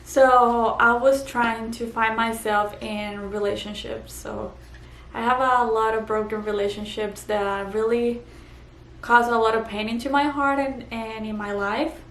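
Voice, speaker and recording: A woman's voice: fairly high pitch, steady tone, fairly bright tone. Earnest Puerto Rican woman, echoey room. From Puerto Rico. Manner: earnest, halting with fillers and restarts. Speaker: vlogger. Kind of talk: personal testimony vlog. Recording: echoey room, faint background noise.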